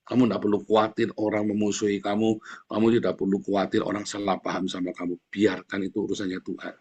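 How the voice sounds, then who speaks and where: A middle-aged male pastor preaching a sermon in a blunt, combative way, with lively swings in his delivery. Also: lowish voice.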